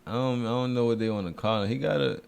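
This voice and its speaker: A man's voice: mid-range voice, quick pace, gravelly, a little mellow, clear, resonant tone. A young man co-hosting a podcast, chatting casually and laughing, often repeating himself as he finds his words. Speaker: podcast co-host. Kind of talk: casual chat.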